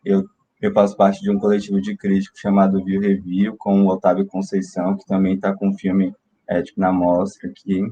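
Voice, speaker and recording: Low, dark-voiced young man. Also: completely flat delivery, brisk, husky, lo-fi sound. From Salvador, Bahia, Brazil. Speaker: filmmaker and film student. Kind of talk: casual panel introduction. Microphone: video call.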